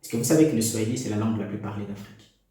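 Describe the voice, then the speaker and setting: Talking very fast in a warm, fairly low voice with a steady tone, this Congolese man gives parents a preachy opinion monologue to camera. He exhorts them with rhetorical questions throughout; his first language is a Congolese national language, and the room is echoey.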